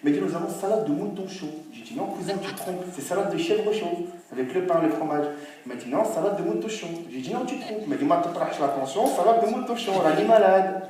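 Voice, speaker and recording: High-voiced young comedian in a live room. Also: male voice, fast talker. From France. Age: young adult. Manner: animated storytelling, acting out characters in shifting voices. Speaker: stand-up comedian. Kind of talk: stand-up comedy routine. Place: comedy venue with audience. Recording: distant echoey live room with crowd noise.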